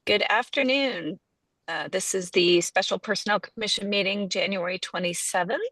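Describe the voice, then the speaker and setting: A woman chairing a formal meeting in a halting, informal, apologetic way while riding in a truck cab. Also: medium pitch, fairly bright tone, dry recording. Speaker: commission chair running the meeting.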